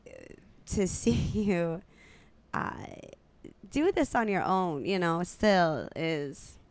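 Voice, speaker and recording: A woman co-hosting a relationship podcast, speaking in an unhurried, blunt way and pausing to find her words, in a radio studio. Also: fairly low pitch, animated, darkish tone, no room sound. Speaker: podcast co-host. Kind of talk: casual relationship chat. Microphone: studio mic.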